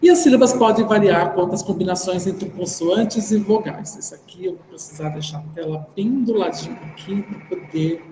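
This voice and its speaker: Teaching an online class, this Brazilian Portuguese-accented man has a high but dark-toned voice. He thinks aloud casually, ending sentences with "né", in a reverberant, roomy recording that carries a faint hum of background noise.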